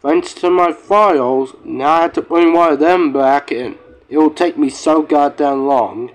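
A man making a casual vlog for his channel, talking in a halting, rambling way with frequent restarts and swearing. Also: on the high side, rough recording. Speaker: YouTuber. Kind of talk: casual vlog rant to viewers.

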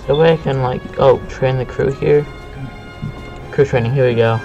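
A man giving casual, excitable gameplay commentary with a friend, bursting into yells and sing-song chants. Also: medium pitch, normal speed, creaky, dull audio, faint music behind. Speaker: gaming video host.

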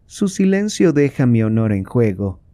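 A man's voice: mid-range voice, sing-song, normal speed, dark tone, dry recording, pitched above the performer's own voice, natural voice. A man reading aloud, voicing a proud and indignant queen with a raised, fervent, declamatory delivery.

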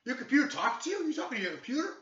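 A man putting on the voice of a suspicious, pushy undercover cop, pitching up into a shrill, incredulous interrogating tone, on an echoey, distant, dull-sounding recording. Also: big pitch swings, rapid-fire, pushed and bright, exaggerated voice.

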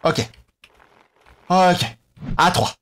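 A man hosting a gaming video, excitably commenting on his play, shouting at the game and joking with the characters on screen. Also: sits high, extremely slow. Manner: jokey, talks to the characters on screen.

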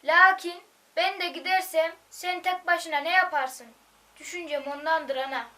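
Woman playing eager patriotic teen boy in a stage play, really high voice, declaiming, lots of echo. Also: steady tone, normal speed, sharp tone. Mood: hesitant, longing. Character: earnest patriotic teenage boy eager to enlist. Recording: very echoey room.

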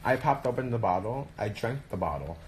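Animated and a little fast, a young man with a fairly low, darkish voice plays the sassy drag queen, chatting and bantering playfully for his livestream. He's indoors, passing through a backstage hallway, an elevator and a dressing room, on a handheld or propped phone. The audio is noisy and full of echo.

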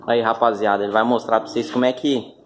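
A man with a Brazilian Portuguese accent hosting a casual vlog from a home garage, chatting in a relaxed, slangy way and often turning to his viewers. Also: mid-range voice, quick pace, a little hiss or hum. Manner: laid-back, slangy, keeps addressing the viewers. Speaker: channel host. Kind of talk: casual chat.

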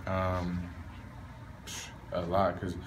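A young man, a college football player, answering postgame questions in a low-key, candid way from a stadium hallway. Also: monotone, drawn-out words, background noise. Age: young adult. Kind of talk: postgame press interview. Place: hallway of a stadium in front of a sponsor backdrop. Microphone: reporters' recorders held close.

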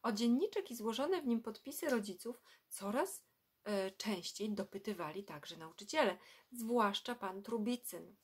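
A woman reading a children's book aloud in a measured storytelling manner, dropping her voice for dramatic moments. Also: mid-range voice, animated, breathy edge.

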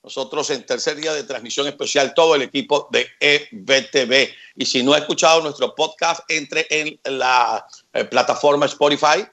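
A man hosting a live Spanish-language news broadcast, chatty, with wry asides and details repeated slowly for viewers. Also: medium pitch, bright, forceful tone. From Venezuela. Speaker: news host.

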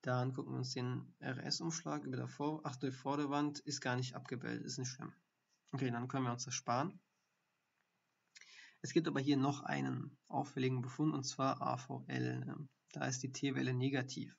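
A man's voice: medium pitch, normal speed, vocal fry. A man, a doctor, talks through ECG findings in a live-streamed lesson, explaining step by step and thinking aloud with fillers. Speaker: doctor teaching ECG reading. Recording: dull lo-fi stream audio.

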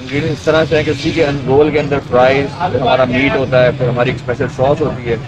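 A restaurant owner speaking through a face mask in a casual interview, patiently listing items step by step with filler pauses. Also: male voice, mid-range voice, flat delivery, over a noisy crowd, poor audio. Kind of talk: casual interview about his menu. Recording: music playing underneath.

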